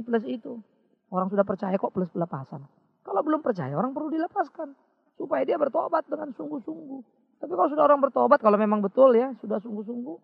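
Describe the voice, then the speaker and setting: A man's voice: extremely high pitch, gravelly, slightly rough, in a large hall. A male pastor giving a conversational sermon, full of rhetorical questions and emphatic scolding exhortations. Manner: conversational preaching with rhetorical questions and teasing asides. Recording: dull lo-fi sound.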